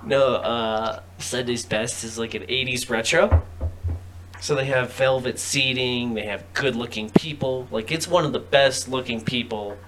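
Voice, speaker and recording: A man's voice: medium pitch, steady tone, unhurried. A man hosting a casual podcast, joking around and chatting loosely with a friend. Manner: joking, playful, jumps into silly voices. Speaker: podcast host. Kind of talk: casual chat. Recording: noisy home recording.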